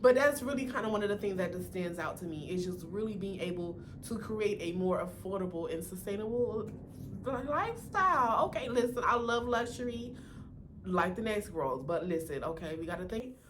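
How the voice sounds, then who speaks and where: An American woman talks to her viewers in a casual, sassy way. Her speech has a slight lisp from wearing braces. She sits at an average pitch for a woman and peppers her chat with familiar little tags like "honey" and "right?". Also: lively intonation, normal speed, background noise. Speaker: video host.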